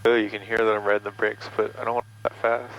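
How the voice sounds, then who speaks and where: Bright-voiced young man in a cockpit. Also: on the low side, fast talker, creaky, poor audio. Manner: relaxed, joking, swears casually. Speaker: student pilot. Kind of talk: casual cockpit talk and checklist callouts. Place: small plane cockpit. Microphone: aviation headset intercom.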